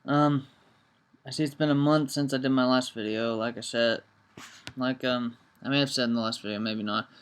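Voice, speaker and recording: A man's voice: medium pitch, steady tone, moderate pace, clear, resonant tone. A man talking casually to camera in a vlog, earnest and reflective, with many ums and restarts. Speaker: vlogger.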